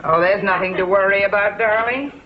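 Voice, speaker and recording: Talking a little fast in a natural, mid-range voice, an actress portrays a cheerful, good-humored mother away on a trip, teasing her daughter and reassuring her without ever getting flustered. It comes from a 1950s sitcom whose dull soundtrack has hiss and audience sounds.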